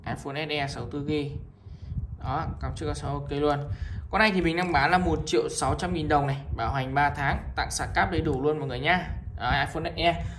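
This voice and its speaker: A man with a northern Vietnamese accent gives an informal, repetitive sales pitch as a shop seller, presenting items one by one to viewers. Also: steady tone, quick pace, a bit bright, slight background noise. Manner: repetitive, item-by-item selling with frequent appeals to viewers.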